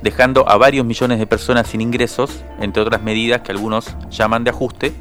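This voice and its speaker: A man's voice: mid-range voice, level tone, a little fast, a bit bright, soft background music. A man, a journalist co-hosting a radio show, giving conversational political commentary with frequent hesitations. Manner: conversational, hesitant with fillers and restarts.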